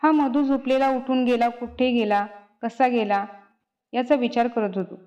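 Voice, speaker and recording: A woman's voice: on the high side, fairly even intonation, normal speed, darkish tone, natural voice. A woman reading the part of a nervous older man who hurriedly denies things and keeps apologising, on a dull lo-fi recording. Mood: nervous apology. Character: flustered older man, a householder.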